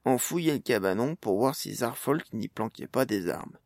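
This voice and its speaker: A man's voice: medium pitch, lively intonation, moderate pace, gravelly, a little mellow, no echo, clean studio sound. A man voicing a cheeky, blunt male gnome with a casual way of talking.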